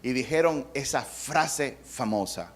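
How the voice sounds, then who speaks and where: A man's voice: mid-range voice, expressive, slow. A middle-aged male pastor preaching a sermon in a conversational way, acting out quotes and adding humor.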